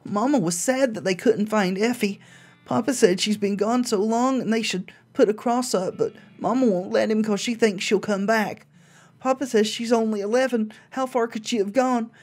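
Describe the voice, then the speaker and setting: A woman's voice: fairly high pitch, moderate pace, darkish tone, pitched above the performer's own voice, lightly acted. A woman voicing a naive, frightened little frontier girl reading out her diary in a video game, childlike and folksy. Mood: worried, plaintive.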